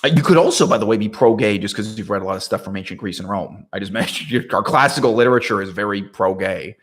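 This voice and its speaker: A man talking through a political topic in a casual monologue, rhetorical and animated, often checking in with "right?" and laughing mid-sentence. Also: lowish voice, fast, a little hiss or hum. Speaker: political commentator.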